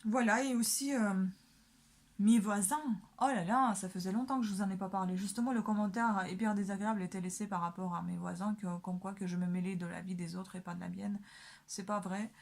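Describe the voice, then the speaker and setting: A woman's voice: mid-range voice, steady tone, a little fast, creaky. A young woman chatting casually while doing her makeup, full of hesitations and fillers. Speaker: beauty vlogger.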